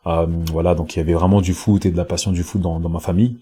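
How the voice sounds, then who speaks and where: A Congolese pro basketball player, guesting on a podcast, talks casually in a low, steady, dark and husky voice at a rapid-fire pace. This casual interview talk is hesitant, with many fillers and repeats, recorded on his own home podcast mic with a headset.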